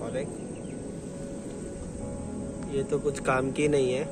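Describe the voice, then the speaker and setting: Filming himself with a phone held at arm's length, a young vlogger strolls along a rocky seashore outdoors, talking slowly in a level, mid-range voice. He keeps up a chatty narration full of "matlab," while loud music plays under his voice.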